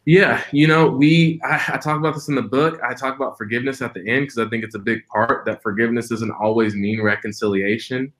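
A man's voice: mid-range voice, steady tone, fairly quick, few pauses, fairly bright tone. A man in his twenties, a preacher and podcast guest, telling a personal story in an earnest, reflective way with frequent restarts. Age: 20s.

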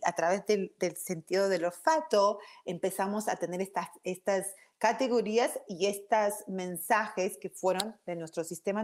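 A woman giving a lively explanatory talk, tagging her sentences with "ok?". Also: medium pitch. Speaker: speaker teaching about emotions.

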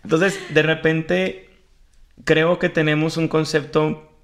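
A man's voice: fairly high pitch, level tone, takes it slowly. A man hosting a casual podcast chat, teasing and rambling with restarts. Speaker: podcast host.

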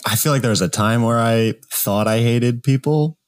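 A man's voice: mid-range voice, moderate pace. A man co-hosting a film podcast in casual chat, laid-back, dropping dry quips.

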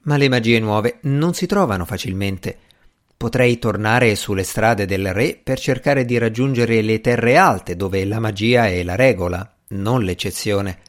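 A man's voice: lowish voice, a little slow, close to an everyday voice. A man reading the part of an ambitious, impatient young male magician in an audiobook, earnest and easily irritated.

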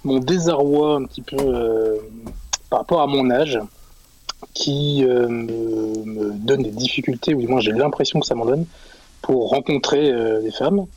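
A man in his forties calling in to a radio show, talking in a halting way with many pauses and fillers. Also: medium pitch, darkish tone, slight background noise, poor audio. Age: 40s. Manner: hesitant, halting, frequent fillers. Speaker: caller. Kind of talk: radio call-in chat.

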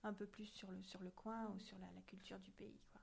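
A woman's voice: mid-range voice, level tone, fairly quick, gravelly, slightly rough. A woman guest, a native French speaker, chatting in a friendly, talkative way during an interview. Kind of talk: casual interview chat.

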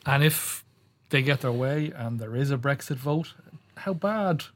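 A man's voice: mid-range voice, animated, unhurried. A man hosting and interviewing on a business discussion podcast.

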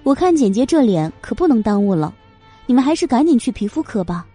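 A woman voicing a calm, mocking young female doctor in an audiobook. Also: a little high, brisk, breathy edge, faint music behind. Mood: teasing. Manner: light, teasing, cool.

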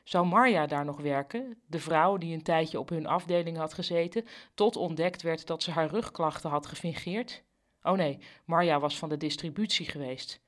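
A woman's voice: low-pitched, moderate pace. A woman narrating a serialized comic story in a dry, matter-of-fact way.

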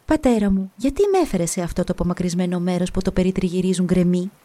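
A woman's voice: lowish voice, dark tone, natural voice. A woman voicing a frightened young princess who calls out with a trembling, panicked voice. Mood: timid. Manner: tremulous, calling out in panic. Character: high-pitched young princess, frightened girl.

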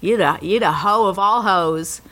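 A bright, clear-toned woman chats as a podcast co-host. She tells stories with lively acted-out voices, jumping between characters, and laughs often as she goes. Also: mid-range voice, measured pace, faint music behind. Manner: animated, acts out voices in anecdotes, laughs often. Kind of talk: casual chat, storytelling.

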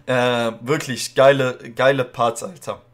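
A man's voice: medium pitch, little pitch movement, a little slow, fairly bright tone. Slangy man reacting to a rap track. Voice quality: rolled R. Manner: loose slangy talk, often says "Freunde". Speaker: music reaction video host. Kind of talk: casual reaction commentary.

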